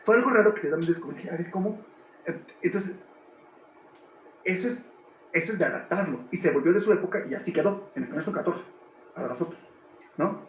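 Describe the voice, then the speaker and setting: A man's voice: high voice, animated, a little fast, pauses often, slight background noise. A man, a theater director, explaining his work thoughtfully with frequent restarts. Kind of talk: explaining in a talk. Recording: echoey room.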